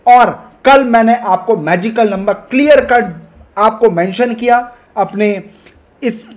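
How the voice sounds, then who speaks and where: A man's voice: extremely high pitch, takes it slowly. Casting: male trading-channel host, hyped and emphatic, mixes English, pleads with viewers. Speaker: stock market trading educator. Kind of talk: energetic market commentary to camera.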